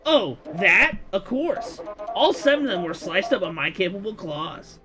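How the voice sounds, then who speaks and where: A man voicing a gleeful, scheming male demon who talks through a phone, showy and excitable in a sing-song way. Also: high-pitched, measured pace, voice pushed up. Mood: eager. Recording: music playing behind voice.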